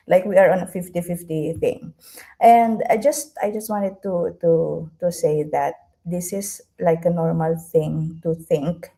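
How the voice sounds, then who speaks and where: A woman hosts a live stream interview in a low, gravelly voice. She talks in a chatty way, with many fillers and restarts. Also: warm tone. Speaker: host.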